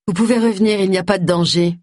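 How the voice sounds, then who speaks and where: A reader voicing a calm, firm male police detective in an audiobook. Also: mid-range voice, fast, no room sound, clean studio sound, lightly acted.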